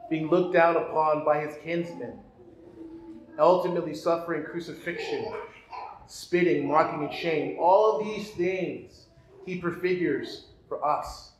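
Earnest priest preaching in an echoey church. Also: male voice, on the high side, unhurried, a little hiss or hum. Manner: earnest preaching, rhetorical questions and repetition. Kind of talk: sermon. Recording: echoey church room, faint ambience.

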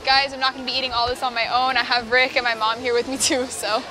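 A woman's voice: high voice, little pitch movement, fast talker, very noisy. A woman food vlogger, upbeat and enthusiastic, casually reviewing a meal at an outdoor seafront restaurant.

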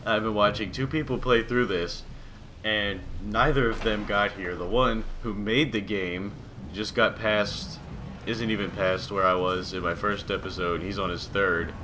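Low-voiced grumbling man gaming. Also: steady tone, measured pace, background noise. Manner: grumbling, sarcastic, swears when frustrated. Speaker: gamer playing a story game. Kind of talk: casual let's-play commentary. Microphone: desktop microphone.

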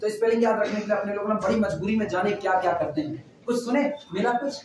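Guy teaching a math class, high voice, really echoey room, mic kinda far. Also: quick pace, slight background noise. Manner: chatty, repeats phrases while dictating. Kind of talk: classroom lecture.

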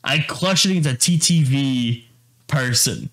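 A man's voice: medium pitch, a little slow, a bit bright. A young man co-hosting a casual podcast, telling a story and acting out quotes with lots of repeated words. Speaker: podcast co-host.

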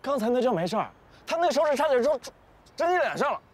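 A man's voice: very high voice, sing-song, fast talker, full character voice. A male actor playing a brash, protective young boyfriend who talks bluntly and combatively. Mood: teasing. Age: young adult. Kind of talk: television drama acting.

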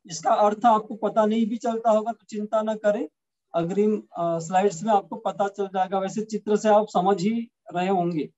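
A man teaching a language lesson from slides, slowly drilling words and asking listeners to repeat after him. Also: sits high, fairly even intonation, a little mellow. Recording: dull lo-fi sound.

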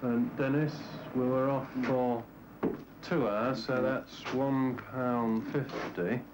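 A middle-aged man talks his crew through details in an explanatory way. He is very slow, medium in pitch, with clear noise on old film sound. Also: level tone. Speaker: lifeboat crew official. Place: small wooden boathouse room, indoors.

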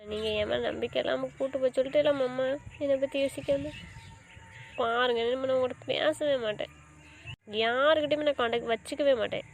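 Woman acting as a hurt young wife, fairly high voice, insistent scolding tone. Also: steady tone, fairly quick, gravelly. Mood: angry. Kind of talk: amateur web drama acting.

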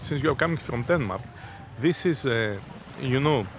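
Outdoors on a sea beach, an expressive man in his fifties with a mid-range voice explains unscripted answers in an interview, speaking haltingly and deliberately. He represents an innovation zone, and seaside noise runs underneath.

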